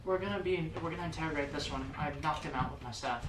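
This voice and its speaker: A man's voice: on the high side, fast talker. A man playing a tabletop game in a casual, hesitant way, recorded far from the mic in an echoey, noisy room. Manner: hesitant, fillers. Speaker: player.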